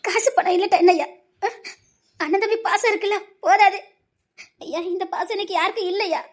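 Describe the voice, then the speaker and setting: Woman playing a caring family woman, Tirunelveli accent, very high voice, gentle, tearful, family drama. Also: a little fast. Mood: soothing. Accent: Tirunelveli Tamil. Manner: gentle, soothing, tearful pleading. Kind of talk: emotional web-series drama acting.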